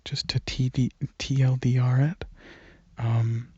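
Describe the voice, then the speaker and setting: In a soft ASMR style, a man rambles casually, very breathy and often close to a whisper, using informal phrasing. He's an ASMR channel creator, and he speaks slowly and hesitantly with a medium pitch and flat delivery. The recording is close and slightly muffled, without echo.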